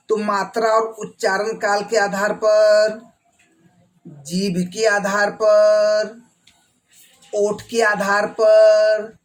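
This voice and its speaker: A man teaching an exam-prep grammar lesson, repeating key terms and putting quick questions to his listeners. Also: high voice, low-quality recording.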